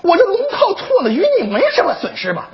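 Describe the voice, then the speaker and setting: A man's voice: very high voice, huge pitch swings, fast, highs cut off. A young man performing crosstalk comedy as the lead teller, telling a story and mimicking opera lines and asides. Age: young adult.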